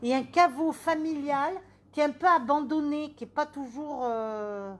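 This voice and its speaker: This woman, a medium, delivers a live reading with lively, inquiring speech and a recurring habit of saying phrases over again. Her voice sits high and moves a little slowly.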